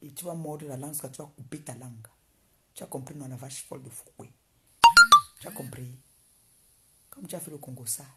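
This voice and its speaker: A woman's voice: extremely low pitch, a little fast, long pauses, warm tone. A woman on a live video, taunting someone she dislikes and repeating insults over and over. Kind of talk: mocking live-video rant.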